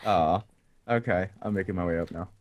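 A man's voice: sits low, brisk, dull audio. A young man with a sore throat, chatting and joking while playing a game with the host, laughing often. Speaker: co-player. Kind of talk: casual gameplay commentary.

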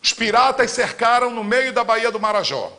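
A high-pitched, bright-voiced man in his fifties with a Paraense Brazilian accent, talking in a live-streamed campaign chat. His delivery is fiery and emphatic, jumping from loud proclamations down to muttered asides. He gestures broadly as he talks, recorded in a studio. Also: animated, moderate pace. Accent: Paraense Brazilian Portuguese. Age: 50s. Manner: emphatic and fiery, swinging between loud declarations and low asides. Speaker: politician hosting a live Q&A. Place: indoor studio in front of a green screen.

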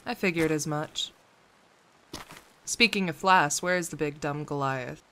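A woman's voice: sits low, unhurried, fairly bright tone, a little hiss or hum. A woman playing a wry, no-nonsense police lieutenant in an audio drama, sardonic and assertive. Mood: wry, brisk.

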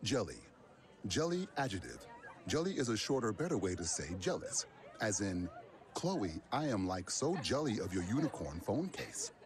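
An actor playing a mock-serious reader of teen slang definitions in a radio public service spot. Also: male voice, on the low side, sing-song, moderate pace. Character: deadpan male dictionary reader explaining teen slang.

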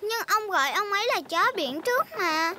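A performer voicing a cheerful, bossy little girl pig in a children's cartoon dub, childlike and excitable. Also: very high voice, normal speed, background noise. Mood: earnest.

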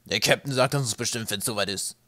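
A man's voice: lowish voice, fairly quick, sharp tone, no echo. A man voicing a talkative older male sky pirate, eager and rambling.

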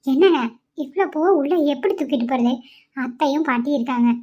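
A woman voicing a young, polite and sensible village wife in a cartoon, speaking in a gentle, pleading way. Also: sits high, brisk, lightly acted. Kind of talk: cartoon voice acting.

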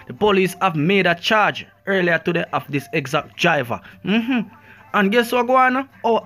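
A man hosts a vlog in casual commentary. His voice sits a little high, and his manner is laid-back. He keeps coming back to his catchphrase for the viewers. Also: fairly bright tone. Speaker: vlog host.

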